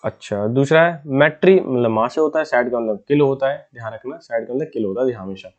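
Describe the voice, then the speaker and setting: During an exam-prep lesson in casual Hindi, a man teaches vocabulary in a laid-back way, patiently explaining words and checking with his students again and again. He speaks briskly in a mid-range voice with a darkish tone, and the recording is muffled.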